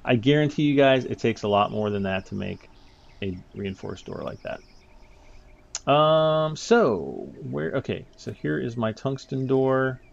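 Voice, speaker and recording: A man's voice: mid-range voice, animated, measured pace, vocal fry, lo-fi sound, a little hiss or hum. A man giving casual, rambling commentary over his gameplay, chuckling often between thoughts. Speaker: gaming YouTuber.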